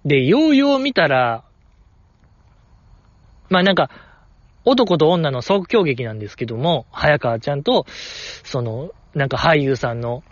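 A man's voice: on the high side, expressive, a little slow, long pauses, no room sound, dull audio. A young man with a Kansai accent, chatting enthusiastically as a podcast host. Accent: Kansai Japanese. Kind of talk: casual fan podcast chat.

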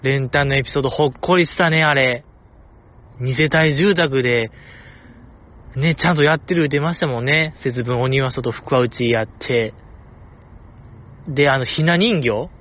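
A man's voice: medium pitch, moderate pace, pauses often, highs cut off. A man with a Kansai accent hosting a radio show, talking casually in a chatty, jokey way with teasing asides. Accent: Kansai Japanese. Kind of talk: casual solo radio talk.

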